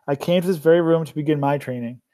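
A man voicing a tired old man who is a burdened mentor, speaking slowly and earnestly. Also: a little high, warm tone, close to an everyday voice. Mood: weary.

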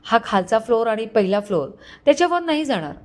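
A woman's voice: fairly high pitch, sing-song, fast talker. A woman voicing a shy, hesitant young woman who stammers in a spoken story.

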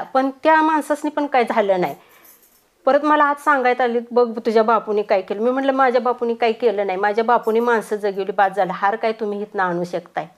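A middle-aged woman telling a personal devotional testimony, plain storytelling with pauses and restarts. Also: fairly high pitch.

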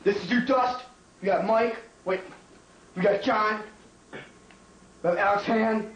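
Young man's teacher impression of a high-pitched, bossy coach. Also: measured pace, fairly bright tone. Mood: brisk, instructing. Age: young adult. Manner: barking, scolding, emphatic. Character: bossy, hot-tempered male high school basketball coach. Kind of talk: teacher impression, comedy skit. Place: home kitchen. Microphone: camcorder across the room. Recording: roomy, distant, hissy home camcorder.

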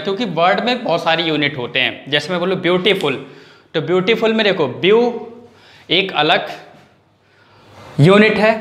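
A man's voice: high voice, a bit bright. Man teaching grammar in an echoey room. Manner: asks questions and answers them himself, repeats key points. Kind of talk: online lesson.

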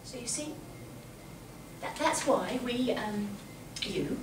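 A woman's voice: a little high, lively intonation, slow. A woman playing an awkward, patient, anxious grown daughter, hesitant and stammering in a staged play reading. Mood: gentle, hesitant. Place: small indoor stage. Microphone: far camera. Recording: echoey small theatre, distant mic, noisy.

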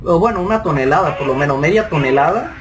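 High-voiced Mexican gamer, joking. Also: male voice, expressive, quick pace, crowd noise. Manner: joking, panicky "no, no, no" outbursts. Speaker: gameplay commentator. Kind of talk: let's play commentary. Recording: distant mic with loud game music. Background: game music.

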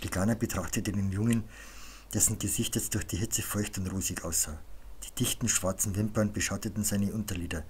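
A man calmly reading a novel aloud as an audiobook narrator. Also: on the low side, a little fast, slight background noise. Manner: calm, even storytelling. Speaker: audiobook reader.

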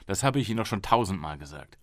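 A weary, defensive journalist answers with irritation in a storybook reading, as a male reader voices him. His voice is lower and close to the reader's own, with a lively pitch, in a dry room. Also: fast talker, no echo. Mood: irritated. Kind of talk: audiobook reading.

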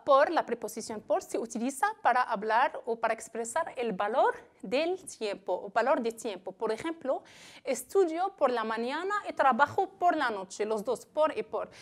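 A woman with a Moroccan accent teaches a grammar lesson at an unhurried pace. Her voice sits high and moves lively up and down as she repeats her examples and puts questions to the class. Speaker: Spanish teacher.

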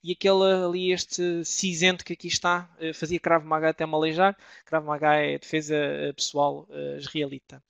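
European Portuguese man, middle-aged, gravelly, flat delivery, lots of hesitations, webinar presenter. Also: fairly high pitch, moderate pace, no echo. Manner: hesitant, many filler sounds and restarts.

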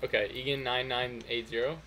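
A young man streaming a game live, chatting casually and excitably with friends and shouting out his viewers. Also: medium pitch, a little fast. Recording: faint background noise.

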